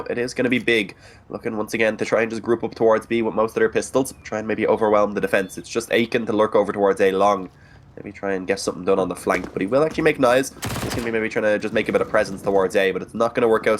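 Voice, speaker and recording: Very fast-talking male esports caster, lowish voice. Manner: running present-tense narration in long chained sentences. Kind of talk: live esports play-by-play commentary.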